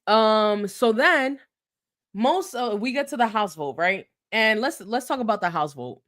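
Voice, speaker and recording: Animated woman recapping reality TV. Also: fairly high pitch, unhurried. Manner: animated, acts out quotes. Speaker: podcast co-host. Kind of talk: casual recap chat.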